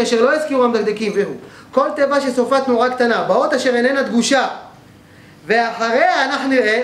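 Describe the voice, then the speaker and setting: A male teacher giving a grammar class in a synagogue hall, explaining step by step and often checking that the class follows. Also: very high-pitched. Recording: echoey room, faint background noise.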